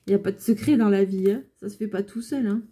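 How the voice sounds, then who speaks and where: A woman's voice: medium pitch, fast talker, warm tone, slightly rough. A woman who runs a clothing alterations shop, chatting casually and venting with exasperation about her customers.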